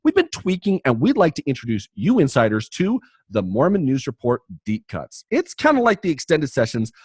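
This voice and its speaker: A man's voice: medium pitch, dry recording, clean studio sound. A man hosting a podcast, chatting in a jokey, rambling way with many restarts. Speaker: podcast host. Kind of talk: casual podcast chat and promo read.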